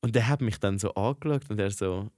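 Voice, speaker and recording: A young man in his twenties with a Swiss German accent, co-hosting a podcast and telling stories in a chatty, animated way. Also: fairly low pitch, a little fast, no room sound, clean studio sound. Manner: animated, chatty storytelling with laughs. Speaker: podcast co-host. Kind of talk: casual chat.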